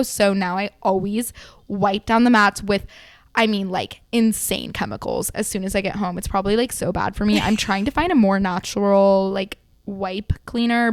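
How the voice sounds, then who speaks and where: A woman's voice: medium pitch, no echo, clean studio sound. A young woman co-hosting a podcast, chatting in a gushing, casual way with lots of fillers. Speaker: podcast co-host. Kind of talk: casual chat.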